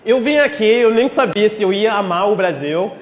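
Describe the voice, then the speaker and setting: A man's voice: high voice, lively intonation, normal speed. A man from Texas, a native English speaker, preaching in Portuguese with an American accent in a heartfelt, informal way. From Texas, United States. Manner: heartfelt, emotional, playful asides. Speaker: guest preacher. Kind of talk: informal sermon to a congregation, with prayer. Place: speaking live in a church. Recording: echoey church hall, long reverb, faint noise.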